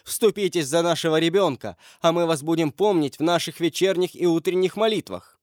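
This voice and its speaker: A man's voice: on the high side, brisk, a little mellow, no echo, studio quality, close to an everyday voice. A man reading an audiobook, voicing an old moneylender who pleads and bargains. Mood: imploring. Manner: imploring, pleading. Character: old fearful Parisian moneylender, begging.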